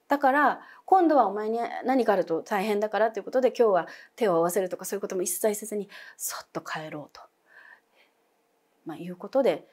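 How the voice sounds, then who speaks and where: A woman's voice: mid-range voice, a little mellow, slightly rough. A young adult woman telling a ghost story as a guest, dramatic, dropping to whispers and acting out voices.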